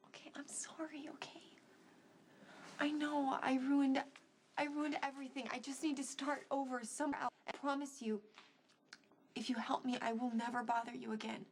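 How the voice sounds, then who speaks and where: High-voiced desperate woman pleading. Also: level tone, normal speed, a little hiss or hum. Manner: pleading, intense, breathy urgency. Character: desperate, obsessive woman doctor pleading for help. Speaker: actress in a TV soap opera. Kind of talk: soap opera dramatic acting.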